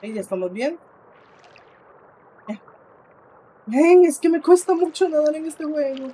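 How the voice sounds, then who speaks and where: A streamer plays a game and talks casually, addressing both the character on screen and his viewers, veering from exclamations to low muttering. His intonation is lively, his pace unhurried, and his tone mellow.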